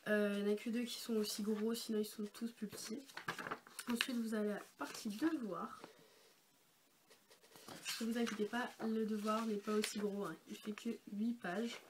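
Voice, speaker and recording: A woman's voice: mid-range voice, steady tone, moderate pace. A young woman vlogger with a congested, sick-sounding voice, explaining things in a casual, chatty, rambling way. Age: young adult. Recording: noisy amateur home-video sound.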